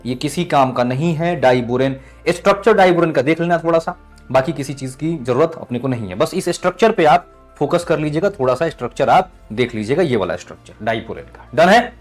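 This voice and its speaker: A man's voice: a little high, expressive, brisk, faint music behind. A male chemistry teacher giving an exam-prep lesson, calling students "beta" and checking in with "thik hai?" after each point.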